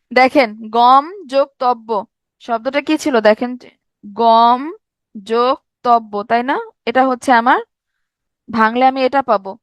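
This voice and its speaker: A woman teaches an online grammar lesson. She is lively and teasing as she quizzes her students. The sound is close and dry, with no room echo. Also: fairly high pitch, a little slow, long pauses.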